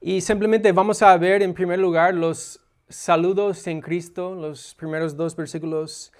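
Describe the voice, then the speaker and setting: A man's voice: sits high, fairly even intonation, unhurried, smooth. A man preaching a sermon, explaining in a conversational way with frequent hesitations. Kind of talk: expository sermon.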